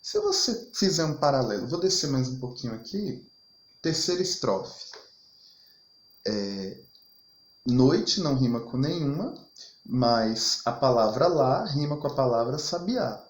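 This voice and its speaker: A male teacher walks students through a poem's rhythm and rhyme. He keeps posing questions and answering them emphatically, his voice bouncing through a wide, animated range. The sound is roomy and echoey. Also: mid-range voice, measured pace. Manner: explanatory, rhetorical questions, emphatic. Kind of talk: recorded literature lesson over slides. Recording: echoey room.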